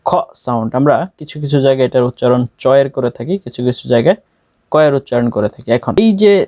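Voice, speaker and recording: Here a Bangladeshi-accented man with a mellow, mid-range voice gives an English speaking lesson, recorded without echo. He walks through it step by step, repeats key words for stress, and reads the practice lines slowly and with great care.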